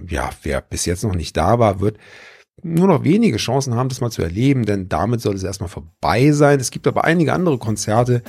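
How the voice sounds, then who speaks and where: A man hosting a podcast, calmly thanking a guest and announcing the next segment. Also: lowish voice, vocal fry, husky. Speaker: podcast host. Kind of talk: scripted moderation.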